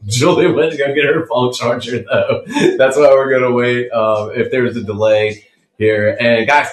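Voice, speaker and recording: A man hosting a casual live sales stream of plants, chatty and playful, laughing often and jumping up high when excited. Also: normal speed. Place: indoor room with plants. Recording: echoey room.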